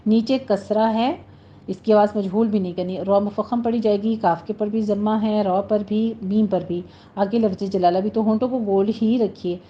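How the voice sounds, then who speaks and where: A woman teaching a recitation lesson, patiently explaining rules step by step and slowly modelling the words. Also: medium pitch, fairly even intonation. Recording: slightly muffled recording with faint noise.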